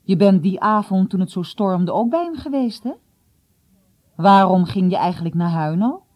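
A woman's voice: medium pitch, lively intonation, normal speed, a little mellow, no echo, close to an everyday voice. A woman voicing a stern, cool middle-aged father who questions his son seriously.

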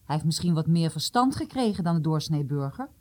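A storyteller voicing an old, sharp-tongued elder who mocks authority. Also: medium pitch, sing-song, brisk, lightly acted. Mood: stern. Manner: mocking, then grave.

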